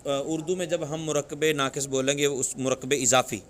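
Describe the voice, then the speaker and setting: A man's voice: on the high side, steady tone, fairly bright tone. Pakistani man drilling a grammar class. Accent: Pakistani Urdu. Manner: drills students with repeated questions. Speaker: religious teacher. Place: classroom with students.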